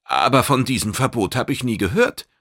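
A man's voice: medium pitch, lively intonation, fairly quick, fairly bright tone, breathy edge, dry recording, clean studio sound, pitched above the performer's own voice. A man voicing a diplomatic male mediator who soothes both sides in an audiobook.

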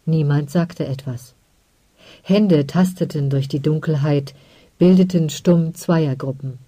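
An audiobook narrator reading a story in a measured, calm way. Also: mid-range voice, dry recording. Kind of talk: scripted narration.

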